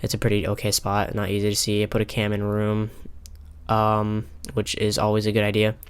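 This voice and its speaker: A young man calmly talking over a replay of his own ranked match, pausing often with filler ums. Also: lowish voice, smooth. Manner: halting, many filler ums, calm and analytical. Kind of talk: casual gameplay commentary. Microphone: console headset mic.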